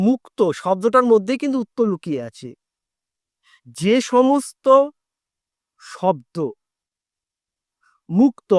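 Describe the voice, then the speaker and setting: A man with a high voice teaches a class, asking his students questions as he goes. He stretches syllables out long to demonstrate them. The recording is dry and close, with no room echo. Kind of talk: explaining a lesson to students.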